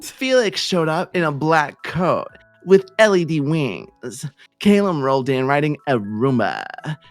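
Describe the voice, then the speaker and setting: A man's voice: on the high side, a little slow, dry recording, soft background music. Playful man reading comedic fan fiction. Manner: animated, playful storytelling with sudden shouts. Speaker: streamer.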